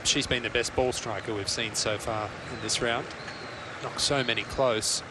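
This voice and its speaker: Mid-pitched male golf commentator, very noisy. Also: fairly even intonation, moderate pace. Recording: very noisy outdoor broadcast.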